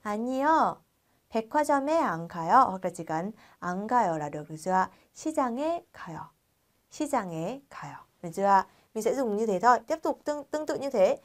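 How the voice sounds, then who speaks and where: Fast, chatty Vietnamese woman teaching. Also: fairly high pitch. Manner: lively, chatty teacher asking frequent check questions. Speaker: Korean language teacher. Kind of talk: online lesson, explaining to students.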